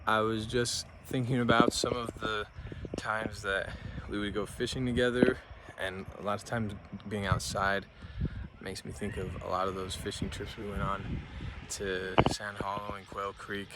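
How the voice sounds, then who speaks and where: A young man with a lowish, flat voice talks casually and gratefully. He records outside in the mountains, and loud outdoor noise runs under his voice. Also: a little slow. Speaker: grandson. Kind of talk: birthday video message.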